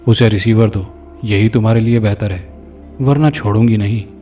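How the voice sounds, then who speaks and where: A man's voice: on the low side, mellow, close to an everyday voice. A man reading the lines of a female spirit in a horror story, coaxing and threatening. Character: seductive menacing female spirit. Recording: distant mic with faint music.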